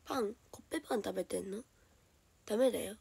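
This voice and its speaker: A young woman with a Kansai accent chatting casually on a solo livestream, her voice hoarse and lower than usual, chatty and giggly and often dropping into soft whispers. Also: fast, no echo. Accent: Kansai Japanese. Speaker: idol livestreamer.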